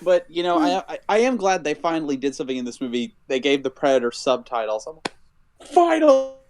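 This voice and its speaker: A man chatting casually on a podcast, joking excitedly and often breaking into laughter. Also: mid-range voice, fast. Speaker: podcast co-host.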